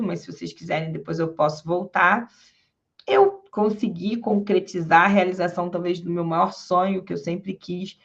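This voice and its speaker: A woman, a public defender, giving a lecture and telling stories from her career in a lively way, acting out the people she quotes, with a Rio de Janeiro accent. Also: mid-range voice, vocal fry. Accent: Rio de Janeiro Portuguese. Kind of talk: storytelling lecture. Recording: dull lo-fi sound.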